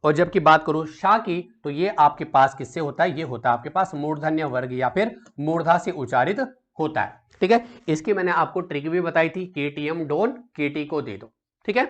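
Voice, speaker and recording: A man's voice: fairly high pitch, normal speed, fairly bright tone. A man teaching an exam solution lesson, asking questions and answering them himself, often checking in with the class and calling students "beta". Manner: keeps checking in with "theek hai" and calls students "beta".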